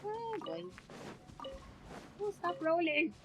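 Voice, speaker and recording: Her very high voice swoops wildly in pitch at a slow pace as this Filipino-accented woman chats casually on a game livestream in a mix of English and Tagalog. The background is noisy, with video game music behind her voice.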